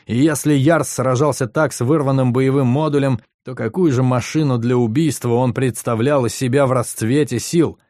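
A man narrating an audiobook in a steady, measured reading. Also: mid-range voice, no echo, studio quality. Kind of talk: scripted narration.

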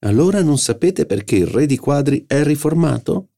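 A self-satisfied middle-aged doctor, voiced by a male reader, in an audiobook. He throws out puns and sayings in a raised, gravelly voice. The manner is smug and teasing. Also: lowish voice, very animated, unhurried, dark tone, pitched above the performer's own voice, exaggerated voice. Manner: smug, joking.

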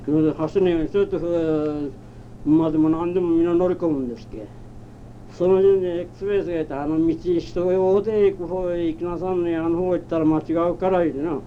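An elderly man from Japan telling his life story as an oral history interviewee, in a rambling, halting way with old-fashioned rustic speech. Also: on the high side, fairly even intonation. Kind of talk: reminiscing in a personal narrative. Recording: muffled, dull old tape with faint hiss. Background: faint background noise.

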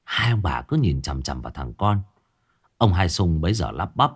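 A male storyteller narrates an audio story in an expressive way. His voice is low, with a lively, rising and falling tone. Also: normal speed, breathy edge.

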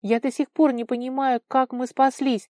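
A woman's voice: sits high, level tone, normal speed, dark tone, dry recording, studio quality, pitched above the performer's own voice, close to an everyday voice. A woman reader voicing an anxious, commanding young celestial woman, urgent and imperious in speech.

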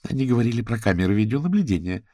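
A man's voice: lowish voice, big pitch swings, rapid-fire, mellow, no room sound, studio quality, pitched above the performer's own voice. A man voicing a flamboyant, chatty rich socialite woman in an audiobook, in a gushing, theatrical way. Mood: gossipy.

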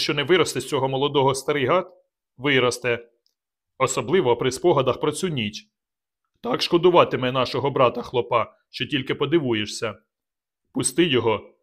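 A man's voice: medium pitch, a bit bright, lightly acted. A man voicing a fierce, embittered male peasant rebel leader who speaks harshly in an audiobook. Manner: harsh, barking, rough-spoken.

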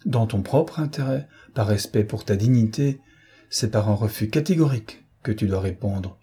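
A man reading a storybook, voicing a vain, languid young rich woman in an affected, weary, condescending manner with a husky voice. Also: lowish voice, moderate pace, mellow.

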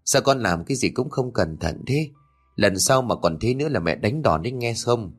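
A man's voice: mid-range voice, expressive, moderate pace, breathy edge, soft background music. A man voicing a weary young mother who pleads and reasons, in an audio story. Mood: stern.

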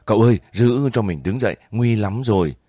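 A man's voice: fairly low pitch, animated, fairly quick, warm tone, husky, dry recording, clean studio sound. A man voicing a wounded male company commander who forces out clipped, stern orders. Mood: strained.

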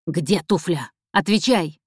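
A cornered young killer in a thriller audiobook, tense and edgy, bursting into shouts when pressed, as a woman reader voices him. The voice sits low and close, with a dry, deadened sound. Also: expressive, slow pace, husky, dry recording, heavily acted. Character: nervous cornered male killer, young adult man.

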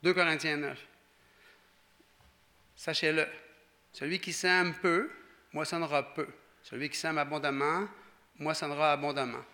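Bright-voiced Quebec French preacher. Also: male voice, on the high side, unhurried, long pauses. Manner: animated, conversational, acts out quoted speakers. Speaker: pastor. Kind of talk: sermon.

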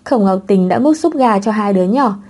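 Một người phụ nữ đọc truyện audiobook bằng giọng đều đều, không vội vàng. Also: female voice, mid-range voice, animated, normal speed, warm tone. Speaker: narrator. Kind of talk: audiobook narration of a web novel.

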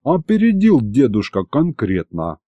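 A man's voice: medium pitch, huge pitch swings, measured pace, no echo, highs cut off. A man voicing a brash male imp sidekick who talks in street slang. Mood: brash eager.

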